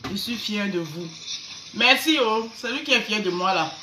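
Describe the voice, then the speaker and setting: A woman's voice: medium pitch, animated, moderate pace, pushed and bright. A woman with a Cameroonian accent hosting a casual live stream, greeting viewers and mocking people with sarcastic, stammering repeats. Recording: echoey room, faint background noise.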